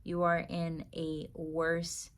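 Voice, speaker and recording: Slow, earnest woman giving faith encouragement. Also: sits low, monotone. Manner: earnest, emphatic, with dramatic pauses. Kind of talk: spoken devotional encouragement.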